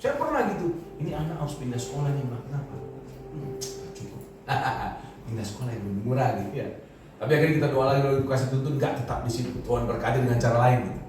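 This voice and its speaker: A man's voice: medium pitch, big pitch swings, quick pace, noisy background. A middle-aged man from Indonesia, a pastor preaching a sermon in a casual, conversational way with chuckling asides. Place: large church hall. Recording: echoey hall heard from far off.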